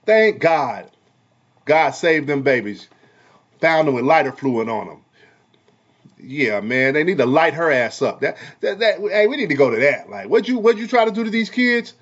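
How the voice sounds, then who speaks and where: A man who is a parent and a barber, talking heatedly in a casual commentary vlog, repeating himself in a preachy way and swinging between loud and soft. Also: fairly high pitch, sing-song, moderate pace, highs cut off. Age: adult parent. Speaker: vlogger and barber.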